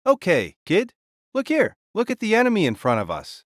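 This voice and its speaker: A man's voice: sits high, huge pitch swings, normal speed, dry recording, studio quality. A man playing a huge, boisterous warrior king spirit in an audio drama, speaking in a bold, jovial, boastful way. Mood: commanding, playful. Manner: hearty, bold, grandiose. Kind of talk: dramatised audio story dialogue.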